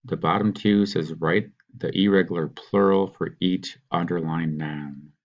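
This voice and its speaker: Very deep-voiced male teacher, patient. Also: steady tone, lo-fi sound. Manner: patient, sounds out words slowly. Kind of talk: recorded classroom walkthrough.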